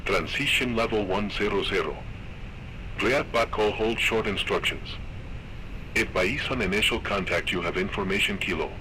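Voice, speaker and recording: A man's synthetic voice reading an automated airport weather broadcast in a flat, clipped readout of wind, temperature and runway figures. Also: on the low side, normal speed, low-quality recording.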